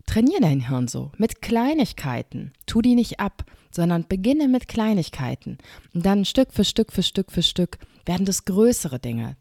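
A woman's voice: lowish voice, no echo, clean studio sound. A woman hosting a podcast, talking straight to the listener in a reassuring, encouraging way. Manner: warm, reassuring direct address. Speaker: podcast host. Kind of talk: encouraging self-help talk.

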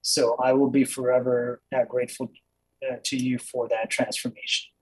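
A man who grew up in Kenya talks as a guest over a video call, earnest and reflective, pausing often on fillers. His voice is husky at a middle pitch. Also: little pitch movement, darkish tone, rough recording. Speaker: dentist, interview guest. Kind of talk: casual interview.

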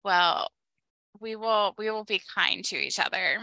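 A chatty woman co-hosting a casual book podcast, laughing easily as she talks. Her voice is very bright and smooth, with a slight lisp from a dental bridge. The sound is dry and close to the mic. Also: medium pitch, measured pace, no room sound, poor audio. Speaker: podcast co-host. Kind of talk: casual chat.

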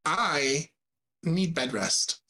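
A podcast co-host chatting casually at a middle pitch. The delivery is playful and stop-start, with frequent false starts. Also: lively intonation, drawn-out words, pushed and bright. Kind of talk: casual chat.

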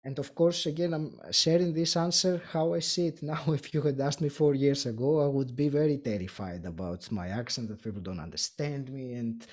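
A man from Greece, Greek his first language, speaking English with a Greek accent as a podcast interview guest, thoughtful with frequent pauses. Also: medium pitch. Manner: thoughtful, many filler pauses, laughs lightly. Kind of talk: casual interview.

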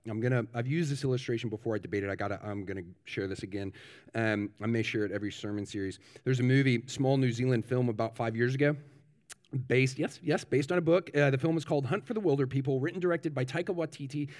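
A man's voice: mid-range voice, darkish tone. Casual, stumbling male preacher. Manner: restarts and repeats words, informal asides. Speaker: pastor. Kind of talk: conversational sermon.

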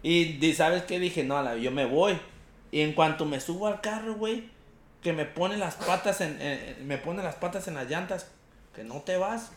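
A young man with a Mexican Spanish accent, telling an animated, slang-heavy story in casual chat and acting out the quotes. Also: on the high side, normal speed, reverberant, a little hiss or hum.

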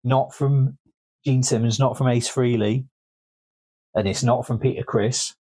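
A man's voice: medium pitch, fairly even intonation, a little slow, warm tone, poor audio. A man co-hosting a podcast, reading out notes in a casual chat with wry, sweary asides. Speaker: podcast co-host.

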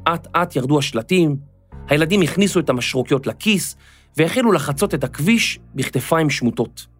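A man narrating a children's story in a lively, expressive scripted reading. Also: a little high, breathy edge, faint music behind.

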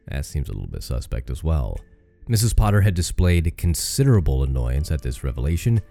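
A man's voice: deep voice, warm tone. A man hosting a true-crime podcast, reading out case notes in a casual way and breaking off for joking asides and the odd curse word. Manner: swears casually. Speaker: podcast host.

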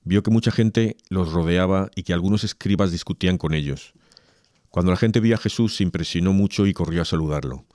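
Guy with a really low voice, reads the gospel then rambles a bit, lots of restarts, dry sound. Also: mellow, no echo. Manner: hesitant, restarts and laughs while chatting. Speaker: reader and co-host. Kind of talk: Gospel reading and casual religious chat.

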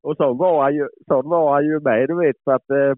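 A man's voice: fairly high pitch, fairly even intonation, dry recording. A man, a dog owner and hunter, telling rambling stories in a casual way, swearing often and chuckling as he goes. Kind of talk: casual storytelling. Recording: phone-like lo-fi, dry.

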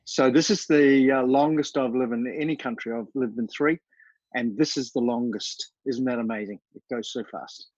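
A man's voice: medium pitch, normal speed, darkish tone, no echo. A man, a podcast guest, chatting in a good-humoured, self-mocking way, heard over a dull remote line. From New Zealand, raised in Australia. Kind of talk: casual interview chat.

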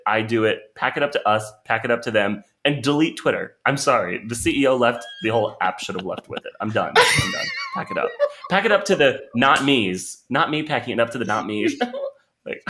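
A young man hosting a podcast, ranting in a casual, animated way with sudden leaps into a high voice. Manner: animated ranting with big pitch jumps. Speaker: podcast host.

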